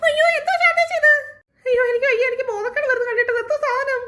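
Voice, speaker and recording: Brief: a panicky cartoon mom, very high and bright, rattling out her lines. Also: steady tone, faint music behind. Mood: panicked. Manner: shrill, rapid panicky exclaiming. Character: excitable, easily frightened mother. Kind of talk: cartoon voice acting.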